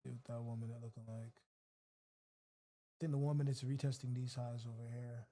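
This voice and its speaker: A man's voice: medium pitch, level tone, moderate pace, dark tone. A man hosting a trading livestream, giving casual, slangy live commentary and talking to his chat.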